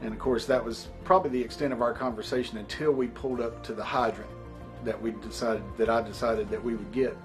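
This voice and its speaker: A middle-aged man, a fire officer explaining past events in a measured documentary interview. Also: mid-range voice, fairly even intonation. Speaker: firefighter, company officer. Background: background music.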